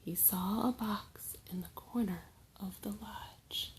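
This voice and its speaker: A woman storyteller narrating a trickster folk tale in short, deliberate phrases with dramatic pauses. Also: mid-range voice, in a whisper, poor audio.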